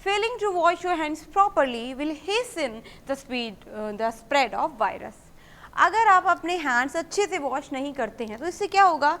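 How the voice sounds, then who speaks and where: This is a woman coaching exam candidates on English words: she explains each one methodically, asks and answers her own questions, and reads example sentences in English slowly and clearly. Her delivery is high-pitched, expressive and somewhat bright.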